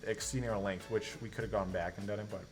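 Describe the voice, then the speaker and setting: A young man co-hosting a casual podcast, telling stories in an animated, rambling way with lots of restarts. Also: on the low side, fast, soft background music. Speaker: podcast co-host. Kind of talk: casual chat.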